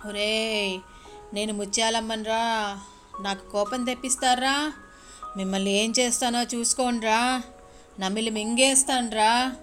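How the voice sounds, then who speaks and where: A woman voicing a male village shaman possessed by a furious goddess, shouting threats in a raised, strained voice. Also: a little high, steady tone, soft background music. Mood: furious, raging. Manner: shouting, threatening, drawn-out menacing cries. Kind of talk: storytelling.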